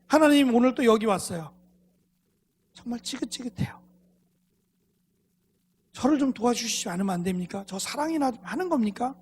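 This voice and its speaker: Man playing a young girl praying in despair, raised husky voice, reverberant hall. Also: extremely high pitch, expressive, normal speed, long pauses, heavily acted. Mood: pleading. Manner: pleading, complaining, near tears. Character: troubled teenage girl praying to God.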